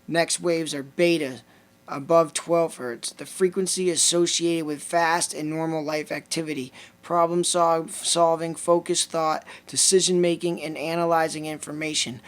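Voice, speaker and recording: Smooth and fairly high-pitched, the Lithuanian-accented man keeps a measured pace. He co-hosts a casual podcast conversation and reads book passages aloud steadily, almost like reciting a list.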